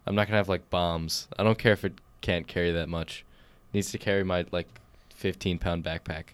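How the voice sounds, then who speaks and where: A teenage boy co-hosting a casual podcast, laid-back and dry, his voice trailing quieter at the ends of thoughts. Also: deep voice, fairly even intonation, fairly quick, clean tone. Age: teens. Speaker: podcast co-host.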